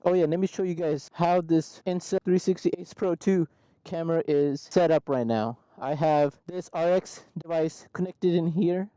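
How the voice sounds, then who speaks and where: A man's voice: a little high, mellow, clear, resonant tone, no echo. A man vlogging about his motorcycle gear, talking through a helmet mic with noise cancellation on. He explains each step in a chatty way. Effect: noise cancellation on, with processed noise-reduction artifacts. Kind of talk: casual gear-test explanation to viewers. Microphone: wireless mic inside a motorcycle helmet.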